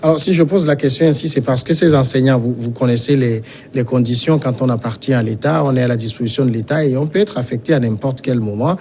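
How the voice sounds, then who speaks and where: A man's voice: mid-range voice, quick pace, hardly any pauses, darkish tone. Probing male TV interviewer from Togo. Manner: probing, with brief backchannels. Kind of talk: interview questions.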